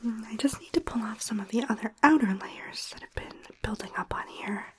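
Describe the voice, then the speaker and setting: A woman doing an ASMR whispered role-play in a soothing, unhurried, breathy whisper, murmuring close to the microphone. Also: fairly high pitch. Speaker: ASMR performer. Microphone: close ear-to-ear stereo microphone.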